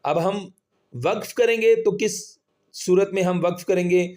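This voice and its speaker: A man teaching Quran reading, spelling out syllables slowly and patiently and drawing out the vowels. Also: high-pitched, steady tone, darkish tone. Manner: slow, patient, drawn-out syllables when spelling. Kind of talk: spelling-out recitation lesson.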